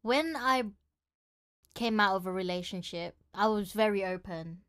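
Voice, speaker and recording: A woman's voice: medium pitch, unhurried, a bit bright, smooth. A young woman with a London accent, chatting casually as a podcast co-host in slangy urban roadman talk. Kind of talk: casual chat.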